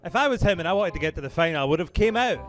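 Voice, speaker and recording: A man's voice: high-pitched, animated, rapid-fire, fairly bright tone, soft background music. A man hosting a comedy night, introducing acts and hyping the crowd. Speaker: show host.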